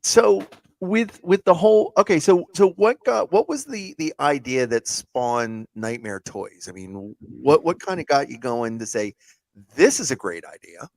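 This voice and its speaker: A man's voice: fairly high pitch, expressive, unhurried, gravelly, dry recording. A man hosting a podcast in casual chat, asking rambling questions full of restarts and repeated words. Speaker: podcast host.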